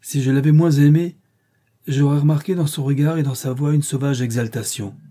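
A man narrating an audiobook in a measured, literary storytelling manner. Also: a little high, fairly even intonation, dark tone.

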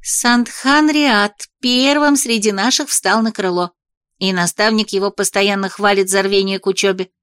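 A woman voicing an excitable, gossipy young female dragon who gushes breathlessly, in an audiobook. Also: medium pitch, moderate pace, smooth, no echo, clean studio sound, lightly acted. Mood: gushing. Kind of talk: audiobook character voice.

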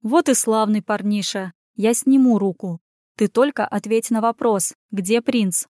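A woman's voice: medium pitch, dark tone, no room sound, clean studio sound, close to an everyday voice. A woman voicing a brash young heroine who gives blunt, commanding orders. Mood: threatening. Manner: commanding, blunt, quick-tempered.

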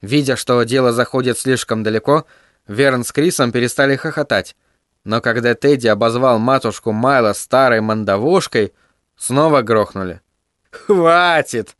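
A middle-aged man narrating an audiobook in a vivid, expressive storytelling manner. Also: mid-range voice, normal speed, dry recording, clean studio sound.

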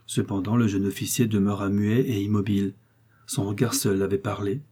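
Man, audiobook narrator, very dark mellow voice, lowish pitch, measured reading. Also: level tone, husky. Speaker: audiobook reader.

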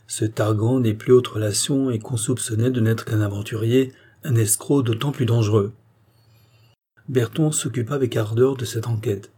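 A male audiobook narrator with a dark, husky voice. He reads the novel in a measured storytelling manner, steady and unhurried. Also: on the low side. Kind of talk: scripted narration.

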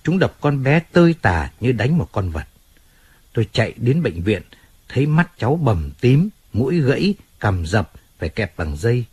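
A husky-voiced man reading the part of an aging undertaker who pleads plaintively and with self-pity in an audiobook. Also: mid-range voice, sing-song, moderate pace, a little mellow. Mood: grieving. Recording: faint music in background.

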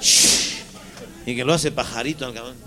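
A man telling crude jokes with bursts of high squeaky character voices. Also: normal speed, a crowd in the background.

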